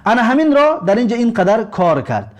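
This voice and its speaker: A man with a Tajik accent teaching a recorded language lesson, explaining words slowly, repeating them and translating each one. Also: extremely high pitch, very animated.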